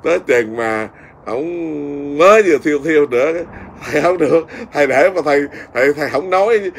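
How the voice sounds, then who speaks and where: Southern Vietnamese monk telling a rambling story. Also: male voice, on the high side, expressive, moderate pace, creaky, slight background noise. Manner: rambling, with many fillers and restarts. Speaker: Buddhist monk. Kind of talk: casual conversational storytelling.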